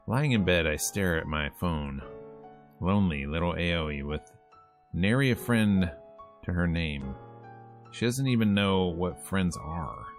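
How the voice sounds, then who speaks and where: Reading a visual novel aloud on stream, this man jokes around and performs the lines while the game's music and character voices play behind him. He speaks slowly in a low, expressive voice, leaving long pauses.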